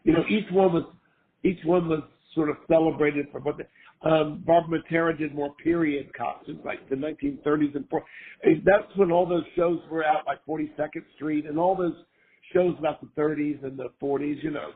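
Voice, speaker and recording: An older man, hoarse from a cold, chatting casually as an interview guest and rambling with lots of fillers. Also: fairly high pitch, fairly even intonation, brisk. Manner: rambling, full of fillers and restarts. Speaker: guest, former costume maker. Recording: tinny phone-line sound.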